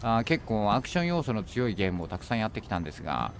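A man streaming a horror game, thinking aloud as he plays and bursting into alarmed shouts when enemies appear. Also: on the low side, sing-song, rapid-fire, slight background noise. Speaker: gaming streamer. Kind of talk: horror game let's play commentary.

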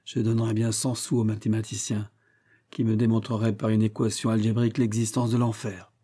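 A sardonic young reveler, tipsy and mocking, his jokes tinged with gloom, voiced by a man reading aloud. The tone is low and dark. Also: little pitch movement, brisk, slightly rough. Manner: sardonic, sadly clownish.

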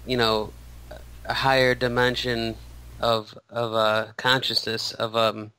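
Bright, clear-voiced man in his thirties. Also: mid-range voice, flat delivery, poor audio. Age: 30s. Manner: halting, many restarts and fillers. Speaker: guest. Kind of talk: casual interview talk.

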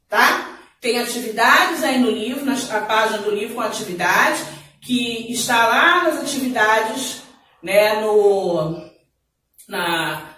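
A Brazilian woman teaching a remote lesson to small children, stretching each word out slowly as she demonstrates it. Her voice is high and sings up and down. It echoes strongly around the room, picked up from a distance. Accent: Brazilian Portuguese. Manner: slow, drawn-out spelling and word demonstrations, warm teacherly asides. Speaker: primary school Portuguese teacher.

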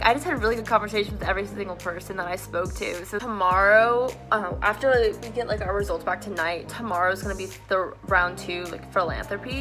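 A young college woman chatting casually to camera as a vlogger, bubbly like a sorority girl, peppering her talk with filler words like "like" and "super". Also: mid-range voice. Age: young adult, college student. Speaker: student vlogger. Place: small dorm room.

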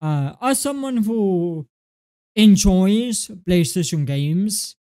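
Slow, halting man with an Estonian accent. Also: high-pitched, animated, dark tone. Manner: exasperated, swearing, slow and halting with restarts. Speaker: gaming video creator. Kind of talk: ranting commentary to webcam. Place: small indoor room at a desk. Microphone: webcam close up.

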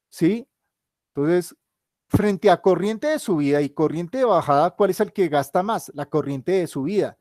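Tired guy teaching online, kinda high voice, dry close sound, keeps fixing what he just said. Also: a little mellow, no echo. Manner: thinks aloud, corrects himself mid-sentence. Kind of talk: online class with a shared whiteboard.

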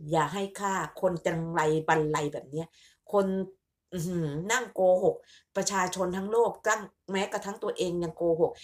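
A woman ranting in a vlog monologue, scolding and mocking with crude insults in a sarcastic motherly tone. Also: mid-range voice. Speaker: online commentator.

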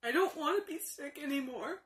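A young adult woman, tearful and crying as she vents in an emotional, confessional vlog, speaking haltingly with weepy laughs. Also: high-pitched, expressive. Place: small room indoors. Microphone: phone or webcam at arm's length.

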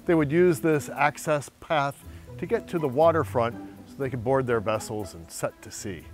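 A man's voice: mid-range voice, moderate pace, soft background music. A middle-aged man, guiding a walking tour outdoors in a playful, storytelling way. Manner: storytelling, lively, playful asides. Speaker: tour guide. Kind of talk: on-camera walking tour presentation. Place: outdoors on historic city streets and alleys.

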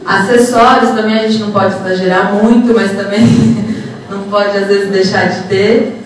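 A woman with a medium-pitched voice lectures at a moderate pace in a steady tone, a psychologist and HR professional giving an informal motivational talk to students in an auditorium. She speaks conversationally, checking in with short tag questions. Her handheld mic plays through the room speakers, captured from far off in a very echoey, noisy hall.

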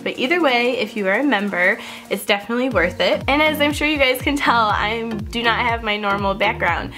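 Seated near her camera's built-in mic in an upstairs hallway indoors, a woman in her twenties records a casual beauty haul vlog. Her fairly high, fairly bright voice comes out scratchy and stuffy from a cold, and she laughs a lot.

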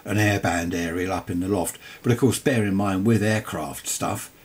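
Deep-voiced and fairly even in intonation, this older man talks at normal speed with a southern English accent. He's an amateur radio hobbyist in his 60s or 70s, presenting a video from a cluttered indoor home workshop. His delivery is a casual, unscripted ramble through a demonstration, with little asides and questions to himself.

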